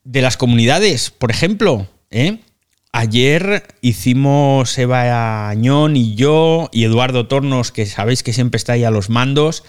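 A man's voice: medium pitch, unhurried, clean tone. A man with a Spain Spanish accent hosts a loose live audio chat, talking into a phone mic. He is chatty and self-mocking and drops casual swears. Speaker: podcast host.

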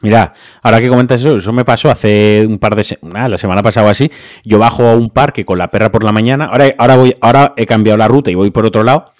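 A man's voice: lowish voice, fairly even intonation, rapid-fire, a little mellow, no room sound. A man telling a story in casual podcast chat, blunt and heated, dry close mic.

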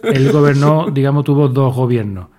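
A man from presents a history segment on a podcast. He talks in a joking, informal and chatty way, with a voice that sits in a middle pitch. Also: moderate pace, mellow. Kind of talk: casual comedic chat.

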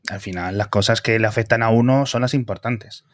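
A man with a Spanish accent, a podcast guest who jokes in a dry, deadpan way. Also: fairly low pitch, a little fast, no echo. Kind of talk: casual podcast chat.

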